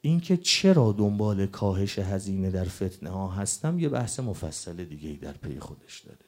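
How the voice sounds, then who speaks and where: Male preacher, mellow dark tone, mourning sermon, lamenting storyteller. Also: deep voice, very animated. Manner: lamenting, grief-stricken delivery; storytelling, quoting old accounts.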